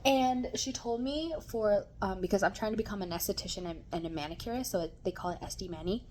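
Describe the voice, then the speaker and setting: A woman's voice: mid-range voice, fast, a little mellow, a little hiss or hum. A young woman chatting casually in a mukbang vlog, rambling and talking with her mouth full. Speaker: vlogger.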